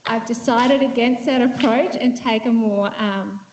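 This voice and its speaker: A woman's voice: a little high, a little slow, darkish tone, slight background noise. A woman psychiatrist from Vietnam giving a conference talk, conversational and thoughtful, with many fillers and restarts. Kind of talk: conference presentation. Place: lecture room. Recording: echoey hall, dull lo-fi sound.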